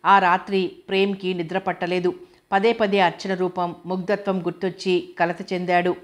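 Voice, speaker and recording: A woman narrating a novel as an audiobook reader, in a steady, measured storytelling manner. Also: fairly low pitch.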